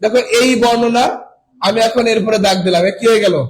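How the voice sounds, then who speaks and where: A man's voice: sits high, a little fast, rough recording. A man teaching a classroom lesson who keeps asking his students questions and then answering them himself, stretching out the key words for emphasis. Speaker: coaching teacher. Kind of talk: classroom lecture.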